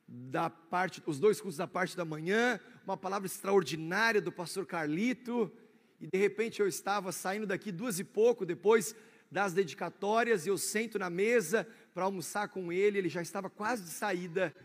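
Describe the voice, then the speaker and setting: A Brazilian pastor delivers his sermon in a high, ringing voice. He swings between loud proclamations and hushed, intimate asides. The sound carries the long reverb of a church hall. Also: normal speed.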